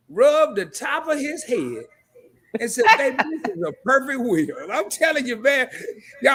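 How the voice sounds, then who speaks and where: A man's voice: very high voice, sharp tone. A man hosting a casual interview, enthusiastic and playful, laughing and teasing his guests.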